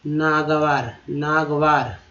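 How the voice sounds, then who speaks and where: A man gives an English vocabulary lesson in a slightly high voice. He spells out and repeats each word at a very slow, deliberate pace. The voice-over sounds dull and lo-fi. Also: fairly even intonation, sharp tone.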